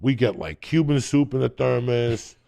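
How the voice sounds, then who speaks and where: A man's voice: medium pitch, expressive, moderate pace, vocal fry, mellow. A middle-aged man, telling wild stories in casual, profane podcast chat, often breaking into laughter. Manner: profane, rambling, laughing storyteller.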